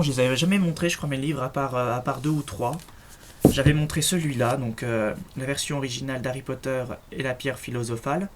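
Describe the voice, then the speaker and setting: A young man with a medium-pitched voice shows off his collection in a casual show-and-tell vlog. He is chatty but hesitant, with many fillers and restarts, and faint noise and clicks sit in the background.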